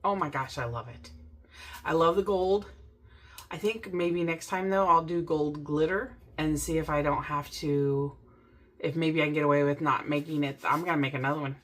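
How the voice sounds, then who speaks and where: A middle-aged woman hosting a casual DIY crafting vlog from a home craft room, gushing and excited as she talks to her viewers. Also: low voice, normal speed. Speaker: crafting channel host.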